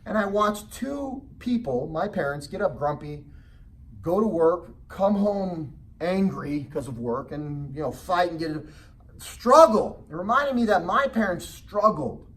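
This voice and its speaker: A man presenting a real estate investing seminar, telling personal stories in an animated way and often checking in with rhetorical questions. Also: high-pitched, unhurried, distant mic. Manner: animated storytelling with frequent rhetorical check-ins. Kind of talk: motivational sales seminar talk.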